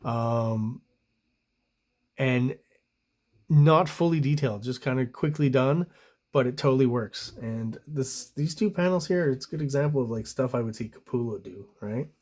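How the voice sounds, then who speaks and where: A man's voice: medium pitch, moderate pace, darkish tone. A man with an ordinary mid-range voice talks through comic book pages in a loose, casual way. He rambles, gropes for the right word and leans on ums and you-knows, but his enthusiasm for the artwork comes through. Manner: rambling, searches for words, frequent ums; enthusiastic about the art. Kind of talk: casual review commentary.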